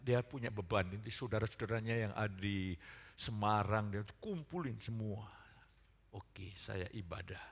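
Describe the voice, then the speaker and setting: A man preaching a sermon as pastor, moving from quiet storytelling to loud, fervent preaching. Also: medium pitch.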